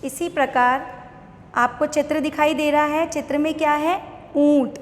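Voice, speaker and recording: Slow, high-voiced Indian woman teacher. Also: fairly even intonation. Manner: slow, syllable-by-syllable spelling aloud. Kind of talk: online class for young children. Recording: echoey room with long reverb.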